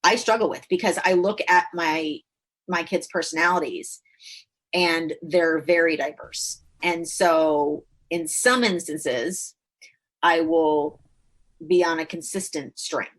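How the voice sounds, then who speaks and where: Podcast host, middle-aged woman, lowish voice, chatty and easygoing, laughs often. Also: slow pace, a bit bright. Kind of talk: casual conversational podcast.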